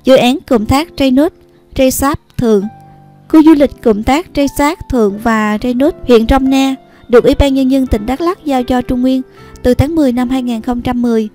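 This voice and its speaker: A woman narrating a scripted news report in a steady, even read. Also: sits high, moderate pace, faint music behind. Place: voice-over recorded apart from the pictured places.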